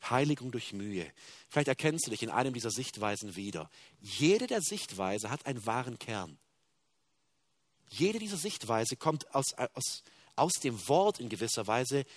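Animated German preacher with dramatic swings. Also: male voice, mid-range voice, no room sound. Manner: dramatic swings between hushed confessional tones and loud emphatic preaching. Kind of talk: sermon.

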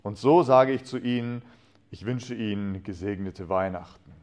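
A man giving a sermon to a congregation. He reads a story aloud expressively and talks earnestly, often trailing off softly at the ends of phrases. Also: on the low side, moderate pace. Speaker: preacher.

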